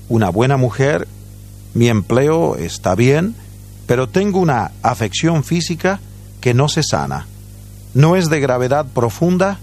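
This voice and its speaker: A man's voice: medium pitch, darkish tone, slightly rough. A man in his thirties reading out a plaintive, troubled listener letter on a radio program. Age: 30s. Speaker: letter writer.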